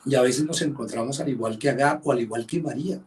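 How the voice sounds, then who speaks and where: A male pastor preaching a sermon, quoting scripture and acting out the voices with expressive emphasis. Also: medium pitch, fast talker, far from the mic. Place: church service livestream.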